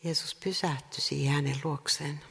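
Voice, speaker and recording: Gravelly-voiced woman preaching in a hall. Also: sits low, steady tone, fairly bright tone, a little hiss or hum. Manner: earnest, repetitive rhetorical questions with pauses. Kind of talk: sermon. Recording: reverberant hall sound.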